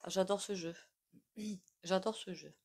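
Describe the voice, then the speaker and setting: A woman doing a casual tarot reading, thinking aloud and reacting to each card with quick exclamations. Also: medium pitch, fairly even intonation, vocal fry, slightly rough. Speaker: tarot reader.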